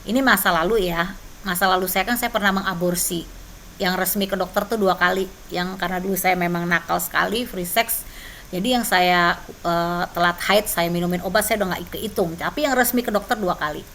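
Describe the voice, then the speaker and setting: A woman's voice: fairly low pitch, fairly even intonation, fairly quick, fairly bright tone, slight background noise. A woman leading a church training session online, teaching and sharing personal testimony conversationally, often tagging her sentences. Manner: conversational, frequent tag questions.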